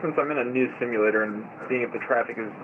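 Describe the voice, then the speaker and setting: Man on a tinny headset radio. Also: medium pitch. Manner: quick, clipped radio phrasing. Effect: over a pilot's headset radio. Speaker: virtual airline pilot on a flight sim network. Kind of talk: radio calls to air traffic control. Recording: tinny radio line with faint hiss.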